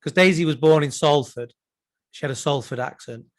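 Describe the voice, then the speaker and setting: Man hosting, agreeable and slightly high. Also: brisk. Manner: frequent short agreements, "yeah, yeah". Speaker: podcast host. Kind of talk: casual interview.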